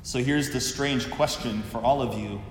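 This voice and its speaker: Priest, male, unhurried homily, long cathedral echo with a faint rumble underneath. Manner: slow, measured delivery. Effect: cathedral echo with long reverb. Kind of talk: Gospel reading and homily at Mass. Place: large church. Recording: echoey church hall, faint rumble.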